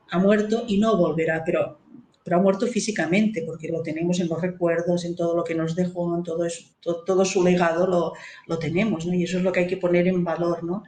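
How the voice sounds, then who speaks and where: A woman's voice: on the low side, a little mellow. Earnest woman in a roomy echo. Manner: earnest, often tags phrases with "¿no?". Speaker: author and guest on grief in children. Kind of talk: explanatory interview answers. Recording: roomy echo with faint noise.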